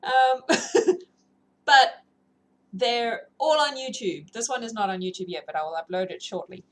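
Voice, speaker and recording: Her voice is fairly high and a little slow as she chats with viewers, giggly and casual, on the livestream where she reads novels aloud. She has a mixed South African, British and New Zealand accent. The room ambience is clearly noisy.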